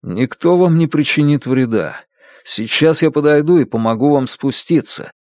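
A man reading aloud and voicing a steady police detective who talks in a firm, reassuring way. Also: a little high, moderate pace, dry recording, voice pushed up, lightly acted. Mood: steady urgent.

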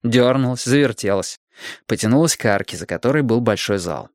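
A man's voice: medium pitch, lively intonation, a little fast, dry recording, studio quality. A man reading a story aloud as a narrator, animating each character's lines. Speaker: audiobook narrator. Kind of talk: scripted narration.

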